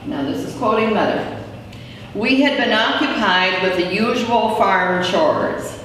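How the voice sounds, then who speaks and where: A woman reading aloud a first-person recollection in a measured, deliberate storytelling manner. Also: medium pitch, fairly bright tone. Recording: echoey hall from far off, faint noise.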